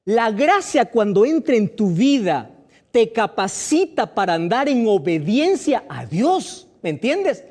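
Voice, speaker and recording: A man preaching a sermon, his voice swinging widely up and down as he leans on key words. He slows down to stress phrases and keeps asking the listener direct questions. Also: high-pitched, sing-song, darkish tone. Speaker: pastor.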